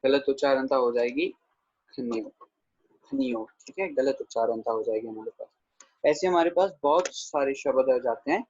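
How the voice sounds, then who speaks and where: A man teaching a pronunciation lesson online, patiently repeating words slowly and checking in with students by name. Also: medium pitch, darkish tone, slightly rough, dry recording. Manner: patient, repeats words slowly to model pronunciation, says 'theek hai' often; addresses students by name, answering their questions. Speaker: Gurbani grammar teacher. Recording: dull dry lo-fi audio.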